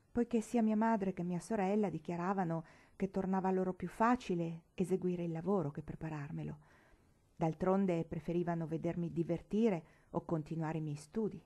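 Woman reading a novel out loud, warm mellow voice, steady pace. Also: lowish voice. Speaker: audiobook reader.

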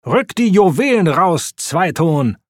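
Ein Mann spricht eine flinke Agentenautofrau Holly. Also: male voice, fairly high pitch, very animated, a little slow, slightly rough, no room sound, studio quality, exaggerated voice. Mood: determined. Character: clever brave female spy car. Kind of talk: storybook reading.

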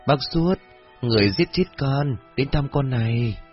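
A man's voice: medium pitch, expressive, moderate pace, voice pushed up, natural voice. A man voicing a deranged young mother who coos to an empty blanket, in an eerie sing-song way. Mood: eerie cooing. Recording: dull lo-fi audio with faint music.

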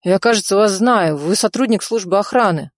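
A woman voicing a cowardly, greedy male official who talks in a shrill, frantic way, in a storybook reading. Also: brisk, dry recording, studio quality, natural voice. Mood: wary.

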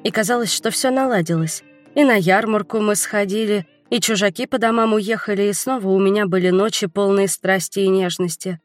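A woman reading a novel aloud in the first person, with lively, expressive storytelling. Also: mid-range voice, brisk, faint music behind. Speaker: audiobook narrator. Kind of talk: scripted first-person narration.

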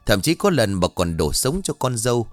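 A man narrating a scripted ghost story in an expressive storytelling manner. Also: medium pitch, normal speed, dry recording, soft background music.

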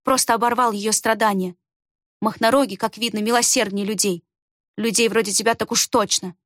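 A woman reading an audiobook voices a young heroine who accuses in a cold, measured way. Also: medium pitch, steady tone, fairly bright tone, no echo, studio quality, lightly acted. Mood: cold accusing. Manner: icy, measured.

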